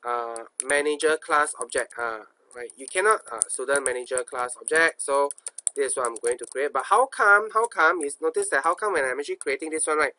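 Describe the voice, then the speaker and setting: Bright-voiced Singaporean man teaching coding. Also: on the high side, fairly quick. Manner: colloquial, asks himself questions, repeats phrases. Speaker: programming instructor. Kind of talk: informal screencast coding tutorial, thinking aloud.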